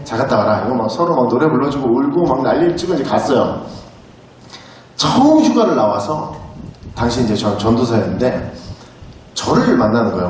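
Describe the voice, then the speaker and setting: A man's voice: mid-range voice, a little mellow, a little hiss or hum. A man in his thirties preaching a sermon in a church, telling a story and acting out the lines of the people in it. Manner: storytelling, acts out dialogue. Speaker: pastor. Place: church sanctuary. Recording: very echoey hall, distant mic.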